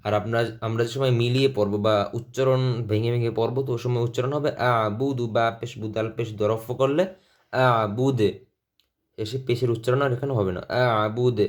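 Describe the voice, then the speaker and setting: A Bengali-speaking man teaching Quran reading, spelling out each letter and vowel slowly and deliberately. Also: medium pitch, fairly even intonation, a little mellow. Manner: slow, deliberate syllable-by-syllable spelling.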